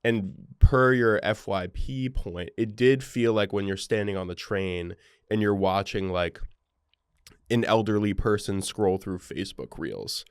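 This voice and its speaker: A man's voice: lowish voice, measured pace, clean tone, no echo, clean studio sound. A young man co-hosting a podcast in casual chat, wry and rambling, full of fillers. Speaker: podcast co-host.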